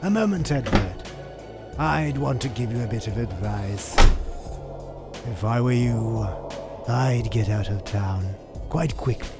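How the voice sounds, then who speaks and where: A man playing the Joker, an unhinged and menacing criminal clown, halting and muttering with drawn-out words and cackles in a comic-book drama. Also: medium pitch, lively intonation. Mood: quiet menace. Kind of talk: comic-book villain acting. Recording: music behind the voice.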